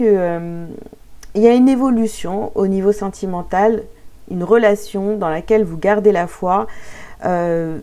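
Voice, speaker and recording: A woman's voice: mid-range voice, mellow. A woman coach reading oracle cards for her viewers in a casual, chatty way, with many hesitations and filler sounds.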